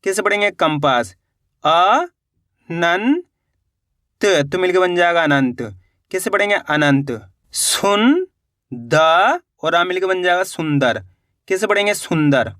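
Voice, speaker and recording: High-voiced man patiently spelling out syllables. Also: animated, slow, pauses often, a bit bright, no echo, studio quality. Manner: patient, repetitive, drops pitch on each answer word. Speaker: Hindi reading teacher. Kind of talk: spelling out syllables slowly for learners.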